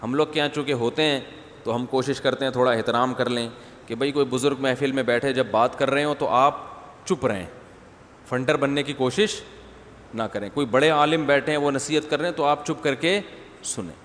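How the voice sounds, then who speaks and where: A man's voice: mid-range voice, a bit bright. A man giving a conversational religious lecture to a gathering, slipping in humorous asides and asking the audience questions. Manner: humorous wordplay. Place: mosque gathering after night prayers. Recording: long hall reverb, faint background noise.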